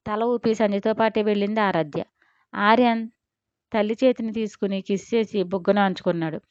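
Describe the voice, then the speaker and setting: Smooth-voiced woman storyteller. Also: medium pitch, fairly even intonation, brisk, a little mellow, no echo, lo-fi sound. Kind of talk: scripted audio-story narration.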